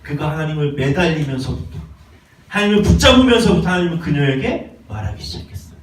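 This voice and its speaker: A male pastor preaches with fervor, his high voice leaping up into shouts and dropping to hushed appeals. He is picked up from a distance in a reverberant church, with faint noise underneath. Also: big pitch swings, fast talker. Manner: impassioned, swings from shouting to hushed pleading. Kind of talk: sermon. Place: church sanctuary. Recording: echoey church from far off.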